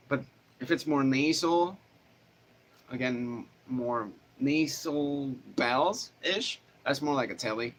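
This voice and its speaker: A man with a fairly bright, medium-pitched nasal voice rambles through a casual livestream, a guitar teacher answering viewer questions with many fillers and restarts. The small home studio has no air conditioning, so he's sweaty and has a fan running. His camera microphone catches the fan's faint background noise.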